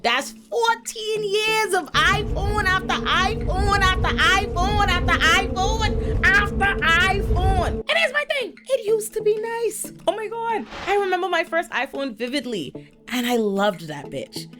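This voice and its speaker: Animated, lively-voiced woman vlogger. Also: very high-pitched, a little slow, loud music behind the voice. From Bahamas. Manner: animated, profane, laughing storyteller. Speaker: video essay host. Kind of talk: scripted comedic commentary.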